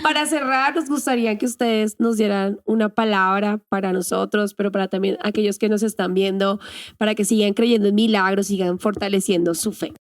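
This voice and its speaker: A woman's voice: medium pitch, fairly even intonation, fairly quick, no echo, clean studio sound. A woman hosting a faith podcast who affirms her guests with upbeat interjections and closes the episode. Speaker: podcast host.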